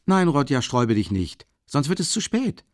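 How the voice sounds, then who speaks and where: Casting: man doing an excitable young chum, pitched up high, bouncing between teasing and bragging, dry close sound. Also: no room sound, close to an everyday voice. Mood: excited, bustling. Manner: excited, lively, quick-tempered, teasing. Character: eager, talkative young male friend, fussing and boastful. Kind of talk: audiobook reading with acted dialogue.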